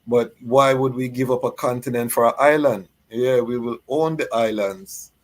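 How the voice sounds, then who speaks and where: A man hosting a live talk show, asking questions in a halting way with many fillers. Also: mid-range voice, fairly even intonation. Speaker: host. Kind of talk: conversational interview.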